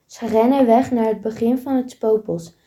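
Woman reading a story in a mellow voice. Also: on the high side, steady tone, moderate pace.

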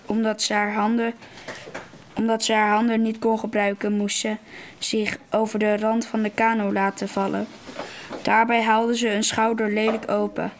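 A woman reading a passage from a book aloud, slowly and haltingly, repeating words. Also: fairly high pitch, a little hiss or hum.

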